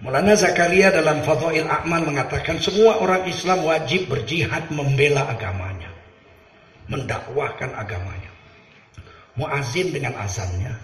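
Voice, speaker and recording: A middle-aged man from Medan preaching a humorous sermon, telling lively stories and acting out little scenes. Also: a little high, echoey room. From Medan, Indonesia. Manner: animated storytelling with acted voices.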